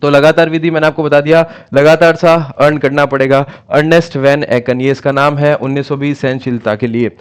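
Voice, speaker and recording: A man's voice: a little high, little pitch movement, a little fast, few pauses, clean tone. A young man from India teaching an exam-prep lesson, asking rhetorical questions and answering them himself. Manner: calls students "bhaiya" and "sir"; repeats key names in a drilling chant. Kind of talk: exam-prep lecture with memory tricks.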